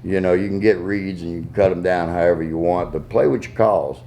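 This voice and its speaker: In a casual hands-on tuning demo, a Southern US goose call maker explains things step by step in a folksy manner. His low-pitched voice is warm and fairly quick, with slight background noise.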